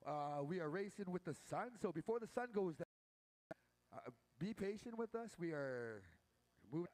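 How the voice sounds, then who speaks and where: Male powwow emcee, high voice, informal announcer delivering notices and numbers from an outdoor booth. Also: lively intonation, moderate pace, a little mellow. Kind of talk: casual powwow emcee announcements and raffle calls.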